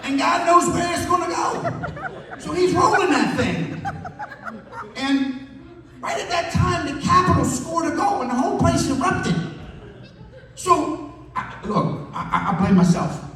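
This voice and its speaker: A man's voice: very high-pitched, sing-song, unhurried, pauses often, sharp tone. A man telling profane stories at an open mic, acting out the dialogue. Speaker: stand-up comedian. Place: comedy club stage. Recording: echoey hall, distant mic, crowd.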